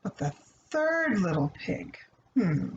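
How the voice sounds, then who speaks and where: In a sing-song, slow manner at medium pitch, a woman leads a children's story lesson as a read-aloud host and teacher, asking questions of her audience and answering them in a didactic, conversational way. The lo-fi recording has an echoey room sound with faint background noise.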